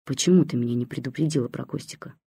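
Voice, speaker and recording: A reader voicing an old grandmother who has gone deaf and calls out for her son with slow, drawn-out words. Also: medium pitch, creaky, slightly rough, no echo. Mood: weary, stubborn. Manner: shouting, slow, dragged-out words. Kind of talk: audiobook character voice.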